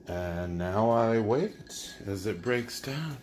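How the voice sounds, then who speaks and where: A man with a fairly low voice casually walks viewers through his cooking. He speaks very slowly and sounds tipsy, loose and prone to chuckling. There is clear background noise in his home kitchen. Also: animated, a little mellow. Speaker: host of a home cooking video.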